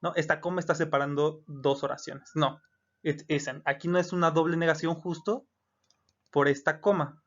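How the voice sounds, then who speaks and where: A man's voice: a little high, fairly even intonation, moderate pace, fairly bright tone. A man teaching English grammar to students in Spanish. He explains patiently and repeats each example with its translation. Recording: dull lo-fi recording.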